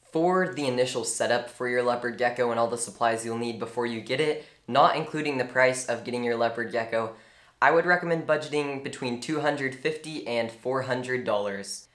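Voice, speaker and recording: Young man, pet care tutorial, earnest, animated, roomy echo. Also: mid-range voice, moderate pace. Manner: earnest, animated, strong opinions. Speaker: reptile care educator. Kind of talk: informal instructional talk. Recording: echoey room.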